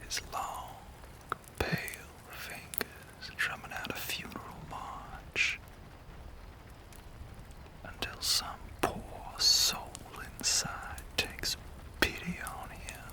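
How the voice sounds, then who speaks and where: Fully in character and sharp in tone, a man portrays a menacing, courtly vampire who never ages, speaking with a Southern US accent. His breathy, largely whispered lines in this intimate audio roleplay are ominous storytelling, genteel and theatrical, with long pauses.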